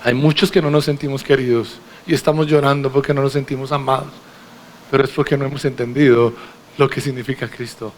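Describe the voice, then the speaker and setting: Emphatic preacher. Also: male voice, medium pitch, flat delivery, fairly quick, slight background noise. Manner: emphatic, rhetorical questions, addresses congregation directly. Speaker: pastor. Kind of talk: sermon. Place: church with congregation.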